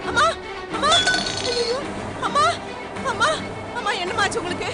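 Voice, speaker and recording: A woman's voice: extremely high pitch, expressive, moderate pace. A woman acting as a young woman frantically calling her collapsed mother in a TV serial. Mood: frantic. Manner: frantic, pleading. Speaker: daughter, later tending her mother. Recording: distant serial voice under loud music and crowd noise.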